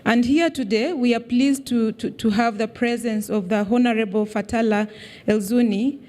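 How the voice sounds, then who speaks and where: A woman's voice: fairly high pitch, normal speed, warm tone. A woman giving a welcome speech at a summit as head of mission, engaging the audience with questions. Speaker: chief of mission. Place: conference hall stage.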